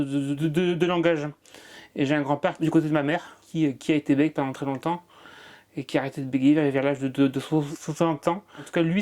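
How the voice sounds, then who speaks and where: A comedian from Marseille, France, speaks in an interview with a strong stutter, repeating sounds often. His voice sits on the high side and is a little mellow.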